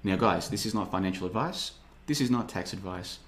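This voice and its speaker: A man in his thirties runs a livestream podcast, his voice low, expressive and brisk. The casual monologue rambles, full of sarcasm and put-on voices used to mock others.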